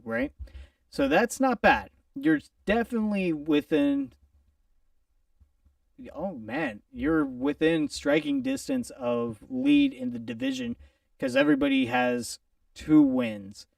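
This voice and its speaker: A man co-hosting a casual football prediction chat, playful and theatrical, swinging from loud outbursts to mutters. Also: very high-pitched, gravelly, no echo, recorded from a distance. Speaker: podcast co-host.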